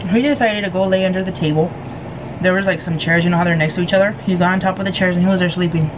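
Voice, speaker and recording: A woman telling a story casually to viewers in an animated, giggly way, acting out what people said. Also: on the low side, racing, highs cut off, background noise. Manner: giggly, animated retelling with acted-out quotes. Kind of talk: casual storytelling chat to camera.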